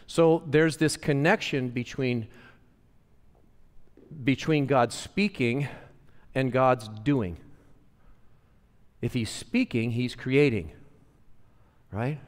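Male pastor, teaching sermon, mid-pitched voice, repeats key phrases, long church reverb. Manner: teaching, repeats phrases for emphasis, asks the congregation to respond; swings between hushed lines and louder emphatic ones. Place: church sanctuary.

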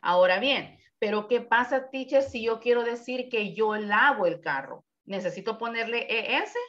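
A woman's voice: fairly high pitch, moderate pace, fairly bright tone, muffled recording. A woman teaching an English class over a video call, explaining grammar patiently. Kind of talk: online class instruction.

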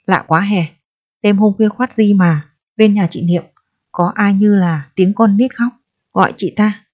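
A woman voicing a frail, hoarse, kindly old village man who mumbles and fusses, on a slightly dull lo-fi recording. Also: medium pitch, a little slow, darkish tone, close to an everyday voice. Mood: puzzled.

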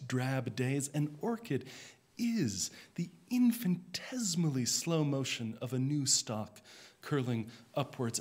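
A man who is a minister, giving a sermon in a reflective, measured way, his voice dropping softly at the ends of phrases. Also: medium pitch, breathy edge. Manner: slow, reflective, measured delivery.

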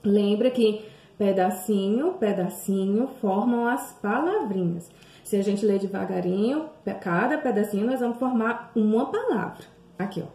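A Brazilian woman teaching young children, drawing words out slowly and sing-song, with many questions to the class. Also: mid-range voice, warm tone. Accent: Brazilian Portuguese. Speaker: primary school teacher. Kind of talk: remote lesson for young children. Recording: echoey room.

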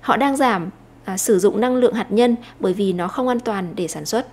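A Vietnamese woman teacher explaining an English lesson, slowing down to read English phrases aloud. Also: medium pitch, darkish tone.

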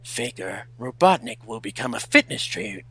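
A man's voice: medium pitch, sing-song, normal speed, pushed and bright, slightly rough, exaggerated voice. A man voicing a curt, haughty, brooding hedgehog prince in an amateur fan fiction reading. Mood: stern.

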